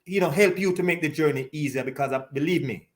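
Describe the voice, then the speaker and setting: Encouraging host, measured speech. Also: male voice, fairly high pitch. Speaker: talk show host. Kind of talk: live online interview.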